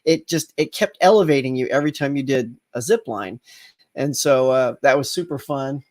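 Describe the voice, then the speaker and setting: A middle-aged man hosts a casual live morning chat, talking to viewers while sounding slightly congested. His mid-range voice has a darkish tone and a moderate pace, and he rambles chattily with lots of fillers and restarts.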